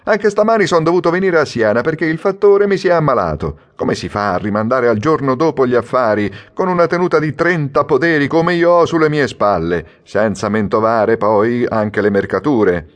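A man's voice: medium pitch, normal speed, hardly any pauses, voice pushed up, close to an everyday voice. A man reading an audiobook, voicing a chatty, self-important landowner with a cold.

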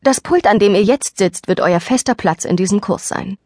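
A woman's voice: mid-range voice, moderate pace, a little mellow, no echo, clean studio sound, natural voice. A woman voicing an overly enthusiastic female schoolteacher in an audiobook, speaking in a gushing, eager way.

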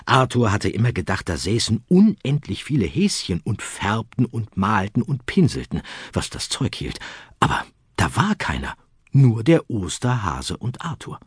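A man narrating a children's audiobook in an expressive, playful reading style. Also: deep voice, husky, dry recording, clean studio sound.

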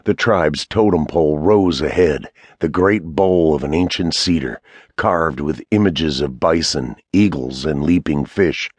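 A man narrating a fantasy audiobook in a measured, even storytelling manner. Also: extremely low pitch, slightly rough, dry recording.

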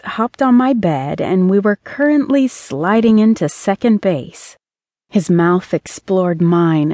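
A woman narrating a first-person romance audiobook in an expressive, measured way, on a close studio mic. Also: fairly low pitch, dry recording.

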